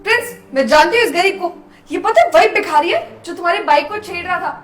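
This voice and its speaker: An actress plays a haughty, snobbish young woman who is rude to the poor, scolding and sneering at them in a shrill, very high voice full of scornful outbursts. Her delivery is animated, fast and a bit bright, in a melodramatic web-skit style with faint music beneath her lines.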